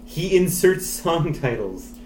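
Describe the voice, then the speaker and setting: A man's voice: fairly high pitch, sing-song, takes it slowly. Hesitant man in an echoey room. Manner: hesitant, many fillers and restarts. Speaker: podcast co-host. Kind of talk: casual movie chat. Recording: echoey room, faint hum.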